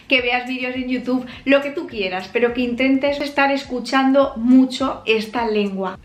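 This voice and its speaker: A woman with an accent from Spain, explaining a language lesson clearly and patiently, with examples. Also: on the high side, fairly bright tone, reverberant. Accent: Spain Spanish. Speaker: language teacher.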